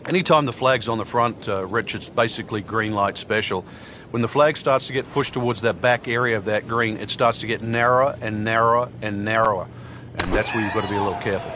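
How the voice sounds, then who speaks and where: A man's voice: fairly low pitch, fairly quick, lightly acted. A man as a golf commentator, explaining the course in a conversational analyst's style. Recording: faint crowd and outdoor noise. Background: faint golf crowd and outdoor ambience.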